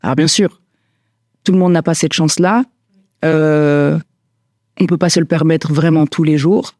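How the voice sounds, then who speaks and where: A woman's voice: deep voice, fairly even intonation, unhurried, a little mellow, dry recording. Woman, 40s, thoughtful guest, hesitant and rambling, dead-dry close sound. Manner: hesitant, many fillers and restarts. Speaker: guest, stylist and entrepreneur. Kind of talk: reflective casual conversation.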